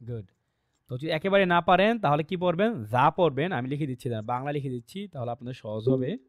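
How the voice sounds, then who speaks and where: A man with a fairly high voice leads an online English lesson, speaking patiently and drawing out example phrases slowly to show the stress. His voice comes through a computer microphone on a video call, with a dry, close sound. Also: lively intonation, no echo. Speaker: English teacher. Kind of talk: online class instruction. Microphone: computer mic on a video call.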